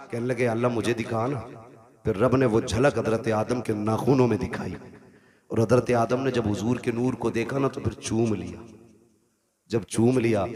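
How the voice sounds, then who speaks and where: A man's voice: mid-range voice, darkish tone. A man preaching a religious sermon to a live gathering, telling a story and coaxing the crowd to call out. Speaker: Islamic preacher. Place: mosque gathering with PA system.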